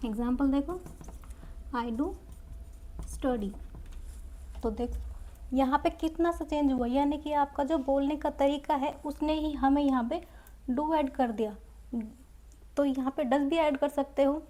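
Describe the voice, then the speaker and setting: High-voiced woman teaching grammar. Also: steady tone, normal speed, dark tone. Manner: explains step by step, repeating each example in Hindi and English. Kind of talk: Hindi-medium grammar lesson.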